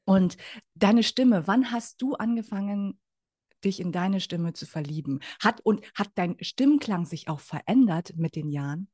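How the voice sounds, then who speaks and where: Gushing, excitable woman podcast host. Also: medium pitch, unhurried, no room sound, studio quality. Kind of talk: podcast interview.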